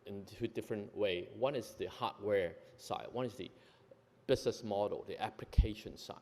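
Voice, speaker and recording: A man's voice: lowish voice, normal speed, darkish tone. A man from Hong Kong giving a conference presentation, hesitant, with many fillers and self-corrections. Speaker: conference speaker, company executive. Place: large conference hall. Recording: long hall reverb from a conference venue.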